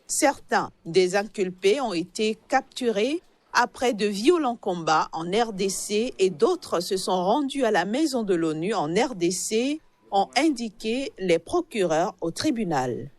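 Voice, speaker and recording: Woman reading a news report, measured. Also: medium pitch, big pitch swings, no room sound. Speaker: news reader.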